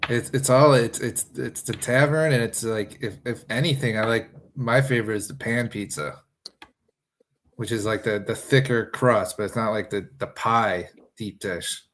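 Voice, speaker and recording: A man's voice: on the low side, normal speed, a little hiss or hum. A man from Chicago, a guest on a casual podcast, who talks hesitantly and stammers. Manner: hesitant, stammering, self-described quiet talker. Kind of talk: casual chat.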